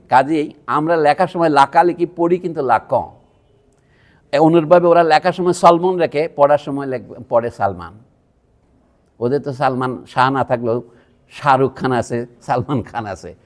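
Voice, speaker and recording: A man's voice: mid-range voice, normal speed. A man from Bangladesh giving a public lecture at a university, talking in a digressive, conversational way with asides to the audience. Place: university museum hall.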